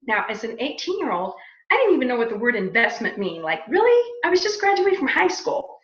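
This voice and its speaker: A woman's voice: fairly high pitch, a little fast. A woman in her fifties telling a personal story on a business call, acting out the dialogue as she goes. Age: 50s. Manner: lively storyteller, acts out quoted dialogue. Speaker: speaker on a business opportunity call. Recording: echoey room, dull lo-fi sound.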